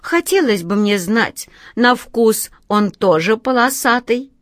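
A woman's voice: fairly high pitch, takes it slowly, no echo, clean studio sound, voice pushed up. A woman voicing a vain, sly grown she-cat in a storybook reading, purring and drawn out. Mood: curious.

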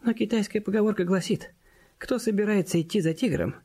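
A man voicing a shrewd, calm elderly male detective who speaks in proverbs and swaps r for l. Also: high voice, brisk, voice pushed up. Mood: calm, reasoning. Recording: clear background music.

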